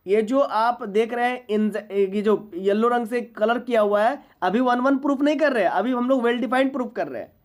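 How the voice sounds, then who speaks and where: A woman with a slightly high, somewhat mellow voice speaks at a moderate pace with few pauses. She is teaching a university maths class, lecturing patiently and frequently checking whether her students are following.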